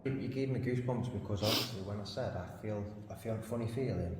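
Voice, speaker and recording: Quick man far off in echoey hall. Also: lowish voice. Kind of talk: casual excited chat during an investigation. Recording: distant, very echoey hall with faint noise.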